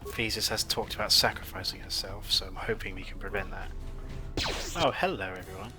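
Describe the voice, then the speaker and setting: A man's voice: deep voice, steady tone, fairly quick, music in the background. A man giving casual, easygoing playthrough commentary on a video game, muttering asides as he goes. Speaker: gaming video host.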